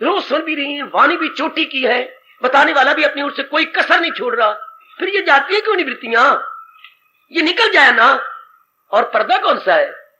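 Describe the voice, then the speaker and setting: A spiritual teacher preaches a devotional sermon in a very high-pitched, expressive voice that sounds pushed and bright, at a normal speed. He is dramatic and rhetorical, letting out sighing exclamations. The audio comes from a muffled old tape with a faint hiss.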